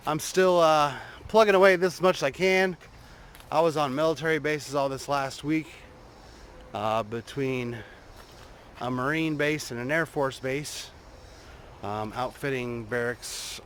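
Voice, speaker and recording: Man, mid-pitched, casual vlog talk, rambling, halting, unscripted, outdoor recording with slight background noise. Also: a bit bright. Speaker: vlogger showing a truck build. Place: outdoors in a crowded driveway.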